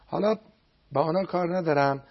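A man giving a televised religious talk, speaking emphatically and chanting prayers slowly with repetition. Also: on the high side, breathy edge, lo-fi sound.

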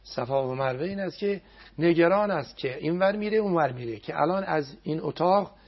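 A man giving a televised religious talk, speaking emphatically and chanting prayers slowly with repetition. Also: on the high side, lively intonation, muffled recording.

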